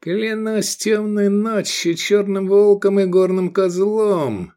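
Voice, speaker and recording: Man voicing a stern desert chief, slow solemn oaths, raised pitch. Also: darkish tone, clean tone. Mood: scornful.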